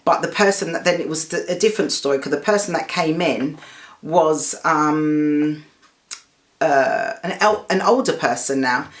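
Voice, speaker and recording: A woman hosting her own show, retelling a personal story in an animated, casual monologue and acting out what others said. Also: low-pitched, normal speed. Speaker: show host.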